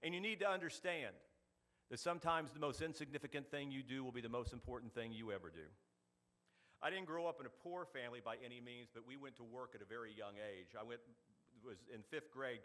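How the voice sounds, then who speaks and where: A middle-aged man from Oklahoma tells stories in a speech at a club meeting in a meeting hall. He is an animated storyteller with a bright, medium-pitched voice, talking fast and throwing in punchy asides.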